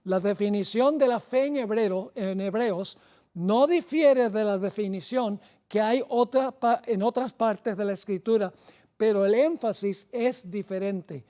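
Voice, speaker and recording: A woman preaching a sermon, with deliberate phrasing and rising emphasis on key words. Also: medium pitch, warm tone.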